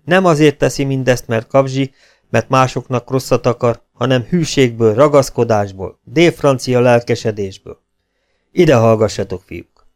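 A man's voice: medium pitch, close to an everyday voice. A man reading an audiobook, voicing a brash, cheerful male legion captain who lectures his comrades bluntly. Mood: frank.

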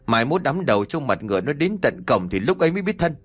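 A man's voice: medium pitch, big pitch swings, quick pace. A man voicing an old village mother who scolds her son in long, shrieking tirades. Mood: scheming.

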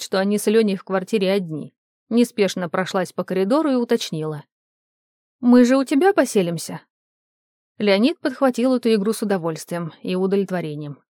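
A woman's voice: mid-range voice, darkish tone, no echo. Woman reading an audiobook, dry sound. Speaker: audiobook narrator.

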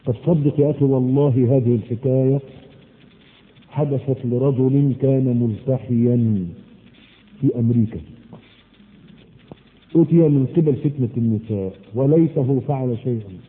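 Egyptian preacher in an echoey hall. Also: male voice, mid-range voice. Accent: Egyptian Arabic. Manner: colloquial, animated, drawn-out recitations. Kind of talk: sermon. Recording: echoey hall, tinny phone-like sound.

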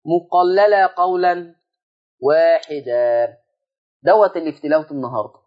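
A man's voice: sits high, a little mellow. Egyptian man, quran teacher, patient step-by-step explanation, stretched-out demo words, muffled lo-fi broadcast sound. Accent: Egyptian Arabic. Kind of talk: televised lesson on Quran reading. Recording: dull lo-fi broadcast audio.

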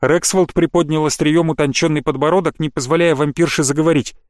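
Brief: male audiobook narrator, fantasy prose, fairly high voice, dry close mic. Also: fairly even intonation, fairly quick, no room sound.

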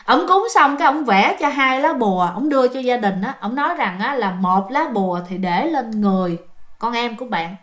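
Female storyteller, Southern Vietnamese accent, high-pitched, casual and chatty, addressing the audience. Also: lively intonation, normal speed, fairly bright tone. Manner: chatty, addresses listeners directly. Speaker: ghost story narrator.

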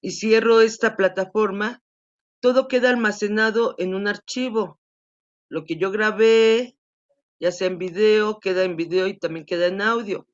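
A woman's voice: medium pitch, steady tone, unhurried. Woman, teacher, online class, patient explaining, dull video-call audio.

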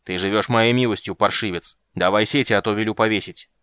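A man's voice: fairly low pitch, steady tone, a little fast, bright, forceful tone, clean tone, no room sound. A man doing a blustering hot-tempered prince. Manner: blustering, barking orders. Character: hot-tempered lovesick prince, bossy and rude.

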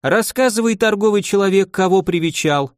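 A man voicing a cold archmage who coaxes his victim gently and without feeling. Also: high voice, brisk, no echo, clean studio sound, pitched above the performer's own voice, lightly acted. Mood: soft menace. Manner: softly coaxing, indifferent menace. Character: cold, menacing male archmage, calmly cruel.

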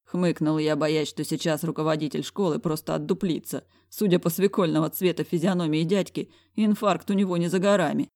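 A woman reading a first-person audiobook narration in a wry, even storytelling manner. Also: sits low, brisk, few pauses, no echo, clean studio sound.

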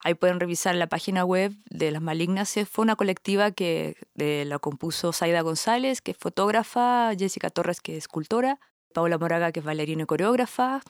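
A woman from Chile, a guest on an interview podcast, talking thoughtfully with frequent pauses and tag questions. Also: lowish voice, clean tone, no room sound, studio quality. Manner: thoughtful, pauses often and tags phrases with questions. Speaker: guest artist and researcher.

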